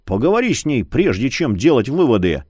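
A man voicing the ghost of a brash young man who taunts his friend in a higher, slowed voice. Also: big pitch swings, dark tone, slightly rough, no echo. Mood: yelling. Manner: taunting, drawn-out, higher than the narration.

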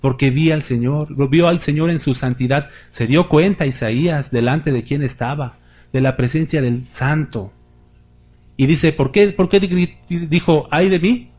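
A man's voice: on the high side, a little slow, a little mellow, slightly rough. A male pastor preaching a sermon, reading scripture aloud with rising emphasis and speaking directly to the congregation.

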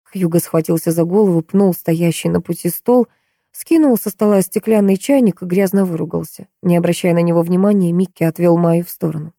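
A woman narrating a fantasy audiobook in an even, measured way. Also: on the low side, no echo, studio quality.

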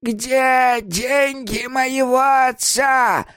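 A male audiobook reader voicing a confused, furious old woman over seventy with a raspy, cracking voice and slow, drawn-out wails. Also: very high voice, no room sound, studio quality, pitched above the performer's own voice, full character voice. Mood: furious wailing. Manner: slow, drawn-out wailing and shouting.

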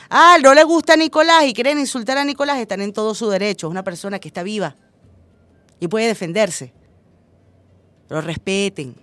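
A woman's voice: mid-range voice, no echo. A Venezuelan woman hosting a radio show, talking in a chatty, emphatic way and often tagging her sentences with little questions. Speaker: radio host. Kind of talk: casual radio commentary. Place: radio studio.

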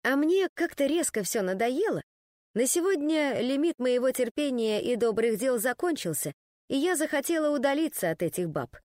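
A woman's voice: high-pitched, animated, normal speed, a little mellow, no room sound, studio quality. A woman narrating an audiobook in the first person, with an ironic, sardonic manner.

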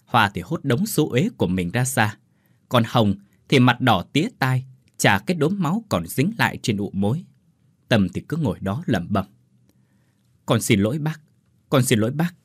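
A man narrating a ghost story in an expressive, dramatic way. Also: lowish voice, husky, no room sound, clean studio sound.

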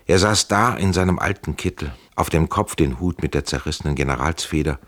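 A man narrating a historical audiobook in a measured, calm way. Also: rumbling low.

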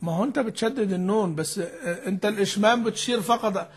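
Male recitation teacher, high voice, patient lecturing style with questions to students. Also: racing. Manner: explains patiently with questions to the class; mixes formal and colloquial speech. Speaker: sheikh teaching Quran recitation. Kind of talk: explanatory lesson on a classical text.

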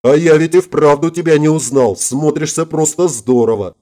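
A man's voice: on the high side, moderate pace, warm tone, pitched above the performer's own voice, natural voice. A man voicing a brash young man who is easily annoyed. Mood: amused. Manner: brash, laughing.

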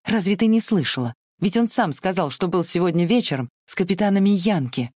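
A reader voicing a spiteful spinster in an audiobook, sharp and accusing. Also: mid-range voice, lively intonation, brisk, no echo, clean studio sound, voice pushed up, lightly acted. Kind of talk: audiobook reading.

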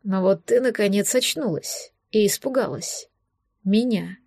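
A woman's voice: medium pitch, measured pace, gravelly, a little mellow, breathy edge, no echo. Woman reading a dry, sardonic mysterious man. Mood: musing. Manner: dry, musing, condescending. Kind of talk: audiobook reading.

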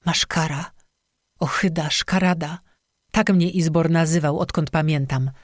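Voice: mid-range voice, fairly even intonation, measured pace, no echo, studio quality, close to an everyday voice. Narrator doing a bitter, weeping young strzyga woman. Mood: tearful. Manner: bitter, tearful confession with sobbing.

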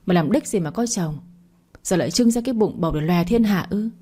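A woman narrator voicing a shrill, furious young woman who hurls rapid insults at a rival. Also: mellow, natural voice. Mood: abusive. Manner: rapid, abusive scolding.

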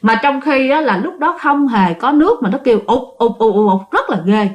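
Woman ghost-story teller, casual and chatty, somewhat high voice. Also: expressive, moderate pace. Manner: chatty, addresses listeners directly.

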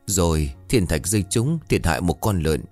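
A man voicing a middle-aged village chief who questions in a flat, bureaucratic way. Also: deep voice, normal speed, no room sound, soft background music. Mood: matter-of-fact. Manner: bureaucratic, matter-of-fact questioning.

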